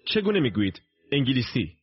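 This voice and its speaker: A husky-voiced man guides listeners through a language lesson, speaking slowly and deliberately with a lively, rising-and-falling delivery. The recording is dull and lo-fi, like an old cassette tape. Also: medium pitch, no room sound, faint music behind. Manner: slow, deliberate, instructive. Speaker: language course narrator. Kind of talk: scripted instructional narration.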